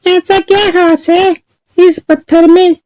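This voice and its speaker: A woman's voice: extremely high pitch, little pitch movement, slow, a little mellow, faint music behind, voice pushed up. A woman voicing an anxious little girl. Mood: worried. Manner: stammering, pleading. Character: anxious little girl, worried about her sister.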